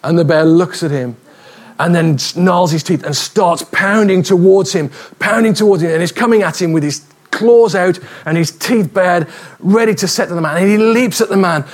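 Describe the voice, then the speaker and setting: A man preaching a sermon in a lively, humorous, conversational way, telling stories. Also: sits high, normal speed. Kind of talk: sermon with storytelling.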